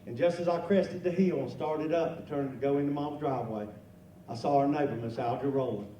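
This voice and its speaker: A middle-aged man telling a comic story to an audience, animated and folksy, acting out exclamations and sound effects. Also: medium pitch, fairly quick. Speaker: luncheon guest speaker. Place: large event room at a lunch. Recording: echoey hall from far off, room noise.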